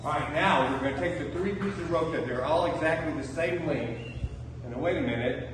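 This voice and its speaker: A man's voice: fairly high pitch, brisk. Guy doing kids party magician patter, playful fake shock, big echoey hall w lots of noise behind. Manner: playful, mock surprise, coaxing the audience to join in. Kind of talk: live magic show patter for children. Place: large reverberant indoor hall. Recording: echoey noisy hall, distant mic.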